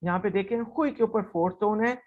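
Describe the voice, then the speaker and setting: A woman teaching a recorded language lesson, repeating example words slowly and often checking in with "right?". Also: mid-range voice. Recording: slightly dull, lo-fi recording.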